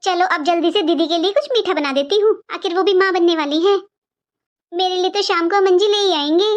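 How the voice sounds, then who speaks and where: A woman voicing a sad young pregnant daughter-in-law in an animated cartoon, talking in a plaintive, complaining, self-pitying way. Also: very high voice, brisk.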